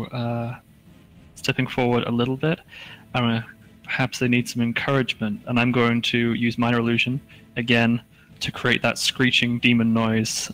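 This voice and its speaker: A man playing a tabletop game, describing his turn in halting, chuckling casual talk. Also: mid-range voice, a bit bright, low-quality recording. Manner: halting, full of fillers, chuckling. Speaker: player.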